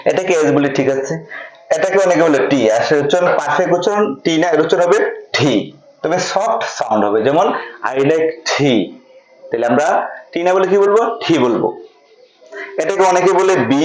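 A man's voice: a little high, lively intonation, fast talker, reverberant, rough recording. A man teaching English letter pronunciation, repeating each point and quizzing his listeners before answering. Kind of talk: classroom lesson.

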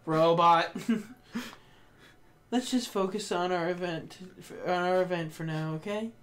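A man voicing a poised, smug high-school girl during a let's play. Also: slow pace, a bit bright.

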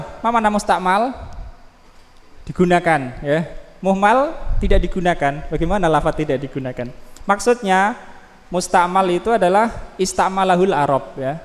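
A man's voice: high-pitched, in a large hall, poor audio. A man teaching a grammar class, repeating key terms and quizzing his students. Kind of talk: classroom lesson.

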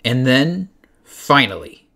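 A man's voice: medium pitch, sing-song, slow pace, a crowd in the background. A man reading mock-dramatic scripted narration for a gaming video.

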